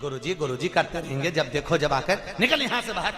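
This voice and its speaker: A woman's voice: low voice, expressive, a little fast, echoey room, in a large hall. A male preacher voicing the rude, scolding wife of a guru who chases a visitor away. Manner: rude, shouting, chasing off.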